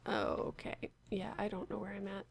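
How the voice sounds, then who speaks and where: A woman at middle pitch with a gravelly edge to her voice mutters her way through a casual game session. She sounds unsure and wry, half talking to herself as she plays. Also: very animated, normal speed, slight background noise. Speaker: Minecraft player. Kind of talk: casual gameplay commentary.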